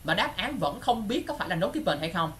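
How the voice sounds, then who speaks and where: There's slight background noise as a man with a high-pitched, fairly bright voice and big pitch swings leads a lively online English exam class. He constantly tosses out quick questions to confirm his students are with him.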